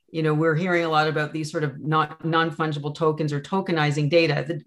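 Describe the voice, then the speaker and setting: An interview host with a mid-range voice frames long, winding questions. The host reaches the point slowly, padding the question with fillers and asides. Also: medium pitch, gravelly, fairly bright tone.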